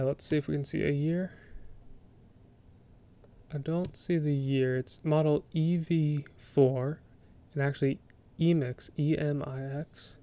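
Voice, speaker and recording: An American man hosting a soft-spoken ASMR show-and-tell, talking in a casual, rambling, hesitant way. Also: a little high. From United States. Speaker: ASMR video host.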